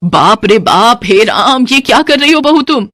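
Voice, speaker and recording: A woman's voice: medium pitch, moderate pace, noisy background, close to an everyday voice. Woman doing a fretful, scolding mother-in-law. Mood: exasperated. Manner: scolding, exasperated. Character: fretful middle-aged Indian mother-in-law.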